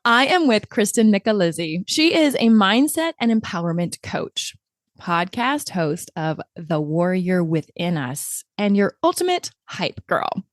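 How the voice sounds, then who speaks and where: Woman podcast host, mid pitch, effusive, upbeat, dry studio sound. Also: very animated, measured pace, no room sound. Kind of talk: scripted intro and interview chat.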